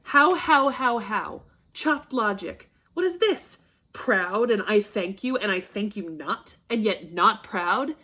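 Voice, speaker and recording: Brief: woman as a furious old nobleman father, bossy and loud, shouting bursts, classroom play reading. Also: mid-range voice, lively intonation, slow.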